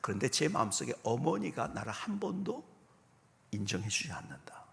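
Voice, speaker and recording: A man in his fifties, a guest pastor giving a revival sermon with personal testimony, swinging from loud exclamations to soft whispers and asking the congregation questions. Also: medium pitch, big pitch swings, moderate pace, vocal fry. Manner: addresses congregation directly with questions.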